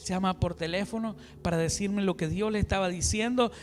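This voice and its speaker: A man preaching a sermon as an apostle, swinging between loud exhortation and hushed asides. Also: high voice, steady tone, a little fast. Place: church hall. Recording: music and long reverb of a hall.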